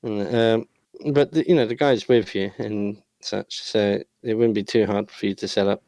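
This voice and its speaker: A man's voice: lowish voice, fairly even intonation, normal speed, a little mellow, dry recording. A man narrating as game master, rambling with lots of uh and you know.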